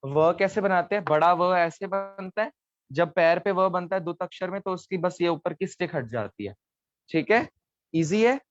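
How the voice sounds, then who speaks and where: A man's voice: high voice, animated, normal speed, no room sound, highs cut off. A man teaching a script lesson step by step, patiently checking that his students follow. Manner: patient, explains step by step, checks with "theek hai". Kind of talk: online Gurmukhi lesson at a board.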